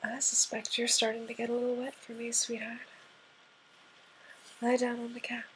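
A woman in an intimate audio roleplay addressed to the listener, talking in a soft, half-whispered voice that coaxes and gently commands. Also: fairly high pitch, monotone, normal speed, a little hiss or hum, low-quality recording.

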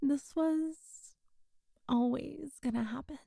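A woman murmurs close to the mic in a soft, coaxing hush, her high voice lingering over every word at a very slow pace. A gentle vocal fry runs through her warm, mellow tone, and the recording is dry, with no room sound. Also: no echo. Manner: soft, hushed and coaxing, partly whispered. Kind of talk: intimate audio roleplay.

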